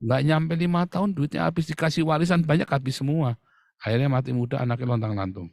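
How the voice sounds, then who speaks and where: A man's voice: medium pitch, fairly even intonation, quick pace, vocal fry, no echo, studio quality. A middle-aged man preaching a sermon to his congregation, acting out playful mock quotes as he goes. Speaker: pastor.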